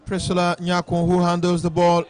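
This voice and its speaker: Man bellowing a long, excited goal yell. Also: moderate pace. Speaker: football commentator. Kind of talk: live match commentary. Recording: outdoor pitch with faint crowd noise. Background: faint crowd outdoors.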